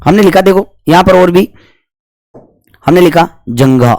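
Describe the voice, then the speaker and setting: A man's voice: high voice, animated, measured pace, gravelly, darkish tone, no echo, studio quality. A man teaching a Hindi grammar lesson for exam preparation. He asks questions and answers them himself, and he stretches out syllables to demonstrate pronunciation.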